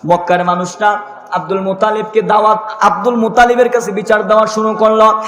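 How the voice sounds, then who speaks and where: A man's voice: high voice, little pitch movement, fairly quick, roomy sound, long reverb tail. A man from Bangladesh preaching a sermon in a sing-song style, telling a story and voicing its people in quoted lines. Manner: sing-song preaching that rises into loud sustained chanted lines.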